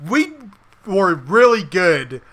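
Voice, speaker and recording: A man co-hosting a casual podcast with a high, bright, ringing voice. He tells game stories with animation and acts out the characters' lines as he goes. His talk is loose and conversational. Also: very animated, slow pace. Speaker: podcast co-host and tabletop player. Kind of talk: casual chat.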